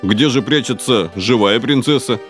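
A man's voice: medium pitch, normal speed, faint music behind, lightly acted. A man playing an earnest weary wanderer. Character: weary, earnest young knight-errant.

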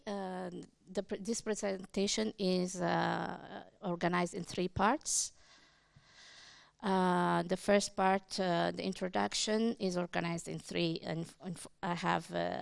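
Gravelly-voiced woman giving an academic talk. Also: medium pitch, no room sound. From Ethiopia. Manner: hesitant, many fillers and restarts. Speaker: conference speaker, independent researcher. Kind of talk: academic conference presentation.

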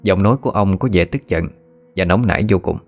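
Male narrator, deep-ish register, measured horror storytelling over faint music. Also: vocal fry, darkish tone. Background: faint background music.

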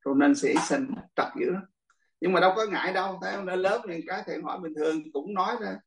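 Older monk. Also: male voice, high-pitched, fast talker. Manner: chatty, laughs often, addresses the class directly. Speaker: monk teaching a class. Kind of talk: casual classroom talk. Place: classroom. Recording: echoey room, far from the mic.

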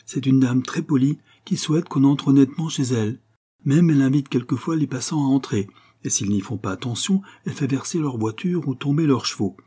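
A man reading aloud, voicing a simple, superstitious coachman who speaks earnestly and respectfully, in a raised, husky voice. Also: medium pitch, animated, a little fast, few pauses, warm tone. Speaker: postillion.

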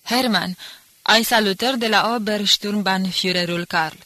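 A menacing, ironic male agent taunts his captive in a low, gravelly voice, read by a woman. The delivery is husky and dry, like a storybook reading. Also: fairly bright tone, no room sound. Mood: mocking. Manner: ironic and threatening.

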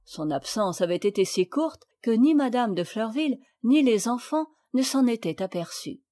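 A woman reading a classic children's novel aloud in a measured, clear storytelling manner. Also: a little high, sing-song, dark tone. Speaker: audiobook reader.

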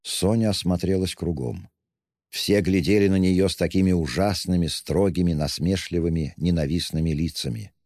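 A male narrator giving a measured, dramatic audiobook reading of a classic novel. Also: deep voice, warm tone, studio quality. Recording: long hall reverb.

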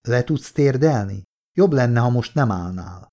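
A man voicing a quiet, worried young man. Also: medium pitch, lively intonation.

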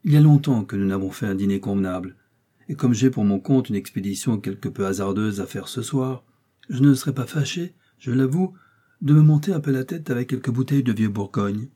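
Dude doing a bold bantering young swordsman from a read-aloud novel, mellow husky voice. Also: medium pitch, brisk, close to an everyday voice. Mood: cheerful.

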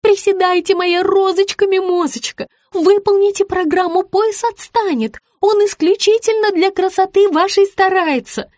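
A woman's voice: very high voice, fairly even intonation, moderate pace, hardly any pauses, a little mellow, no room sound, studio quality, pitched above the performer's own voice. A woman voicing a fawning, flustered woman who coos sugary pet names and stammers in mumbled fillers. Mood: wheedling. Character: fawning flustered middle-aged woman, wheedling.

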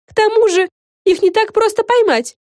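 A woman reading an audiobook, voicing a bossy, excitable fairy girl who hosts a show, talking in emphatic exclamations. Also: very high voice, normal speed, no echo, studio quality, voice pushed up.

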